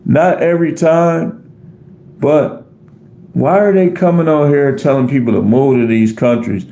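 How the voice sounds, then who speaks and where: A man's voice: a little high, measured pace, mellow, echoey room. An American man hosting a live stream, rambling casually as he answers viewer comments off the cuff. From United States. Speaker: livestream host reading chat.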